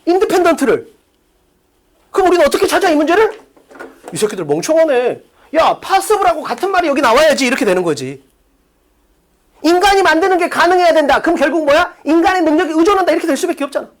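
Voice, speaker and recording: Blunt, lively high-voiced female English instructor. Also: a little hiss or hum. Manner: blunt, rapid-fire rhetorical questions, insults students with profanity. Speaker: English exam-prep instructor. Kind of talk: lecture on exam reading questions. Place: academy classroom with blackboard.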